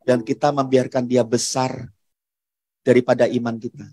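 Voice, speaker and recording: A man with an Indonesian accent preaching a sermon as pastor, telling a personal story in a conversational way with soft asides. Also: medium pitch, level tone, moderate pace, no echo.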